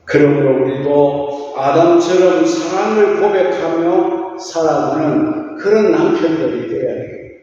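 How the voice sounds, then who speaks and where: A man's voice: a little high, a little slow, dark tone. A middle-aged man from the region, a pastor, preaching a sermon in a folksy, sing-song cadence full of rhetorical questions to the congregation. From Gyeongsang region, Korea. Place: church sanctuary. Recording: echoey church hall, mic at a distance, dull sound.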